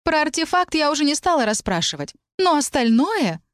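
A woman's voice: high-pitched, very animated, normal speed, a bit bright, no room sound, clean studio sound, voice pushed up. A woman voicing a ringing, indignant young woman. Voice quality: clear, ringing. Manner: reproachful, pouting.

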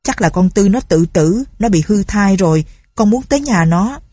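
A woman's voice: mid-range voice, lively intonation, moderate pace, warm tone, slightly rough, no echo, clean studio sound. Woman doing a headstrong, defiant young man. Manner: urgent, defiant. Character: headstrong young man, landlord's lovesick son.

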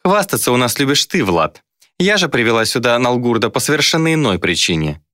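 A man's voice: medium pitch, very animated, fairly quick, pushed and bright, no echo, studio quality, voice pushed up. Man voicing a commanding female demon ruler. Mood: cool.

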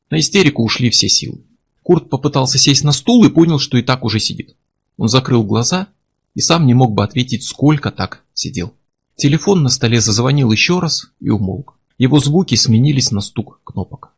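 A man narrating a novel in steady, low-key scripted narration with tense emphasis. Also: creaky, breathy edge. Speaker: audiobook narrator.

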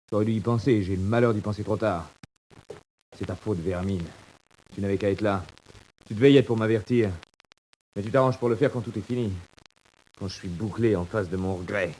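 Guy doing a doomed proud prisoner, low-ish voice, theatrical 1940s radio acting. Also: fairly quick, long pauses, a little mellow, lightly acted. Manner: theatrical, swinging from bitter murmurs to cries. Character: condemned male prisoner, proud and despairing.

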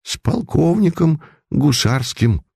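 A man's voice: on the high side, sing-song, slow, gravelly, darkish tone, breathy edge, no room sound, studio quality, voice pushed up, heavily acted. A man playing a trembling old village priest. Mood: trembling confusion. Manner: trembling, stammering, deferential. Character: elderly male priest, frightened and trembling.

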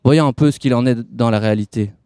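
A chilly, smooth-talking man in grey pushes and coaxes in a sweet but icy tone, as a man reading a novel aloud puts him on. The voice is dark and mellow. The sound is dry and close. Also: mid-range voice, fast talker, no room sound, close to an everyday voice. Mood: lecturing. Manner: persuasive, pushy, icy under a sweet tone.

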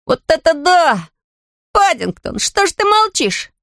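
A woman voicing an excited young boy who exclaims eagerly. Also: very high voice, a little slow, no room sound, studio quality, voice pushed up, full character voice.

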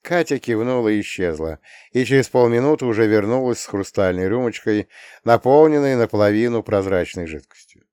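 A man reading an audiobook in an even, measured storytelling manner. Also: fairly low pitch, clear, resonant tone, dry recording, studio quality. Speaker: audiobook reader. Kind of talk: scripted narration.

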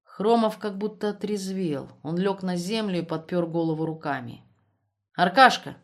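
A woman reading a novel aloud as an audiobook narrator, measured and expressive. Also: on the low side.

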